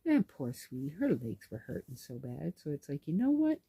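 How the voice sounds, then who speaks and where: A woman's voice: a bass voice, moderate pace, creaky, husky, no echo, lo-fi sound. A woman vlogger casually telling a story in a chatty way, acting out what people said. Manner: chatty, animated, acts out dialogue. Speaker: knitting vlogger and caregiver.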